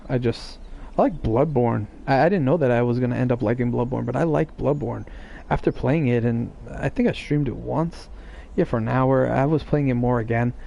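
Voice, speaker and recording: A man's voice: medium pitch, gravelly, warm tone. A man streaming live, chatting casually and teasing his viewers in a rambling way.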